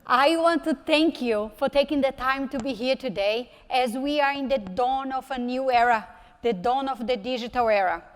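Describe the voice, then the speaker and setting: Speaking at normal speed in a voice that sits high, this technology executive from Brazil gives a keynote in a Brazilian Portuguese accent. Her talk leans on emphatic repetition and wry asides. The sound carries the echo of a large conference hall.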